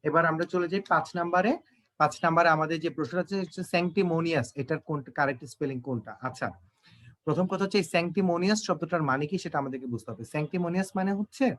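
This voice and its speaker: A man's voice: a little high, fairly bright tone. Bangla-speaking man teaching English exam questions. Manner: explanatory, addresses students directly, slow when reading English. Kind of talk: exam-prep English lesson.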